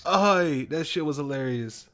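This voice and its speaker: A man's voice: a little high, a little slow, slight background noise. Young man cursing through rambling movie talk. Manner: profane, rambling, laughs often, excitable when retelling scenes. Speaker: podcast co-host. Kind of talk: casual chat.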